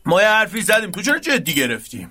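A playful, teasing young student with a high, light voice, as an actor plays him in a radio drama. He is quick to argue and easily confused, and he jokes through every explanation. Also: huge pitch swings, bright, forceful tone, heavily acted. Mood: joking. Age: young adult. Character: joking, muddled young male university dorm student.

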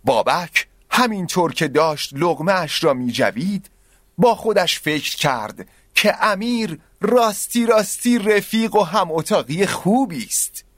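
Expressive male storyteller narrating. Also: high-pitched, no echo, clean studio sound.

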